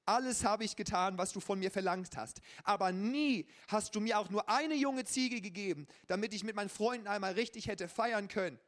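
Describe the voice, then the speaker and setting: Sex: male. Figure: a preacher voicing a resentful elder brother in a scripture reading. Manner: rising, accusing, loud. Pitch: high. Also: moderate pace, few pauses, lightly acted. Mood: bitter.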